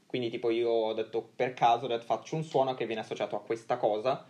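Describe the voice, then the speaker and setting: Very deep-voiced, blunt young woman. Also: fairly even intonation, quick pace, dark tone. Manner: blunt, foul-mouthed, emphatic. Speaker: podcast co-host. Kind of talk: casual explanation and banter.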